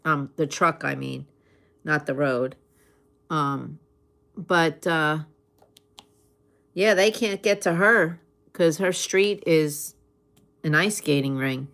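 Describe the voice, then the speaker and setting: Slow-talking woman, casual chat. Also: low-pitched, fairly bright tone. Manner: unhurried, pausing, conversational replies to listeners.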